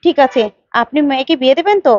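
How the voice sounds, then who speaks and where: A woman doing a fussy, commanding older mother in a story, laying down the rules in a high, quick voice. Dry, slightly dull recording. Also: animated, darkish tone, dry recording. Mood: bossy.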